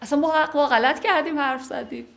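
A woman's voice: high-pitched, gravelly, a bit bright, voice pushed up. A woman voicing a humble wife who pleads with her angry husband and belittles herself. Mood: pleading. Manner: pleading, self-abasing, coaxing.

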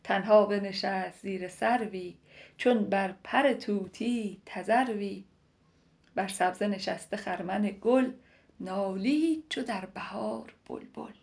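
A woman reciting classical poetry in a measured, lilting way, repeating lines and sometimes dropping to a soft whisper. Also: medium pitch, gravelly.

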